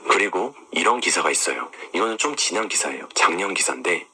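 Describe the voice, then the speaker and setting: A man's voice: low voice, big pitch swings, a little fast, bright, forceful tone, husky. A man talking straight to his viewers, walking them through maps and images and asking them rhetorical questions. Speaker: online commentator. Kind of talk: explanatory monologue to viewers.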